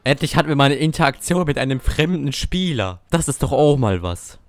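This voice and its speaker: Young guy ranting at his teammates while gaming, swears a lot, normal pitch. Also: expressive, a little fast, faint music behind. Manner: salty, swears and rants at teammates. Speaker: gamer. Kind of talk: casual gameplay commentary.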